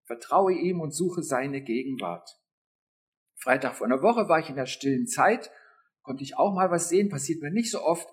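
A man preaching a sermon in a lively, intimate way, speaking straight to his listeners. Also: on the high side, normal speed.

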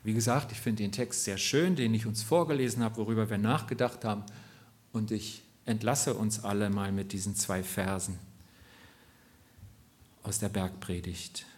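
A man preaching a sermon, earnest and direct, asking his listeners searching questions, rising to emphatic lines and dropping to quiet asides. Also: fairly low pitch, steady tone, normal speed.

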